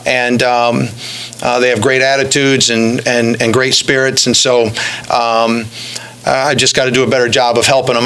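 Middle-aged man, post-game press conference, monotone, halting restarts, podium mic. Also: medium pitch, rough recording. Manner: halting, many restarts and fillers, measured and subdued. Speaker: head basketball coach. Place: press room in front of a backdrop. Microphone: stand mic at the podium.

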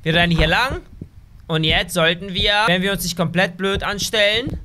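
A man giving excitable, chatty let's play commentary as a gaming YouTuber, talking straight to his viewers. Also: sits high, moderate pace, background noise.

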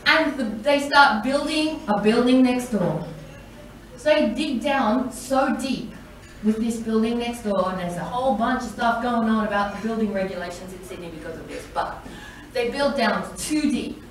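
A woman's voice: on the high side, moderate pace. A middle-aged woman church leader giving a personal testimony, telling her story with animation, acting out quoted voices and laughing often. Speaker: church leader, women's day speaker. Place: large church hall. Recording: echoey hall, mic from far off, faint noise.

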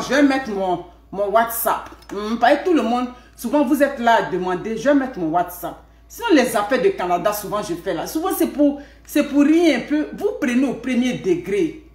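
A middle-aged woman with an Ivorian French accent, hosting a casual live stream from home and often tagging her sentences with a questioning "hmm?". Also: a little high. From Ivory Coast. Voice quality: lively, punctuated by questioning "hmm?". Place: home room. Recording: echoey room.

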